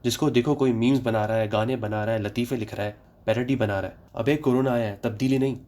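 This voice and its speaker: Fast-talking young Pakistani man, sarcastic. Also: mid-range voice, steady tone, a little mellow. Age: young adult. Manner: sarcastic rapid-fire jokes. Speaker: comedy vlogger. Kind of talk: comic monologue then public health advice.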